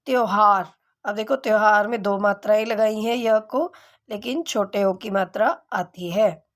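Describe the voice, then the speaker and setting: A woman's voice: mid-range voice, a little slow. A woman teaching a grammar lesson to children, explaining correct spellings and asking and answering her own questions.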